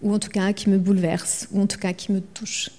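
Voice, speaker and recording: A woman's voice: medium pitch, flat delivery, fast talker, dark tone. A woman novelist vividly reading her own writing aloud at a library event, then speaking about her work. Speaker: author.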